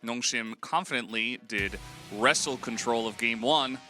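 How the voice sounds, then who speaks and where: A man's voice: mid-range voice, measured pace, faint music behind. A man in his thirties casting an esports match, laid-back and laughing with his partner. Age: 30s. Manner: laughing, relaxed, playful banter. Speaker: esports caster. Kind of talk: casual esports commentary.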